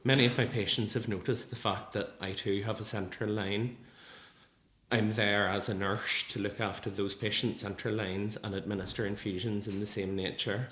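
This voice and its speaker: Man, early thirties, low voice, earnest testimony speech, echoey hall. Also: level tone, fairly bright tone. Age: 30s. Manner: earnest, measured, with frequent ums. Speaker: nurse speaking at a support group event. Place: large gallery hall. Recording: echoey hall with faint ambience.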